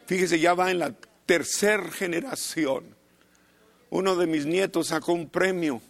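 Fervent older preacher with a high voice. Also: male voice, a little slow, creaky. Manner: fervent preaching with shouted peaks. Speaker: pastor. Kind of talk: sermon.

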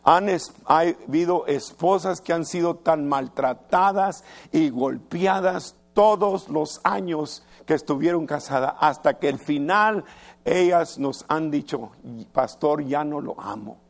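A man's voice: on the high side, takes it slowly, creaky. A male pastor preaching an earnest sermon and stretching his words for emphasis.

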